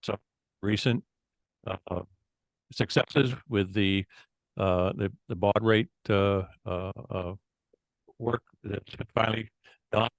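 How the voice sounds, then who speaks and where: An older man giving a halting, casual update to a radio club call, his mic crackling and cutting out. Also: lowish voice, fairly even intonation, creaky, dry recording. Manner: halting, with frequent filler sounds. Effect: crackling mic that keeps cutting out. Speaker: amateur radio club member.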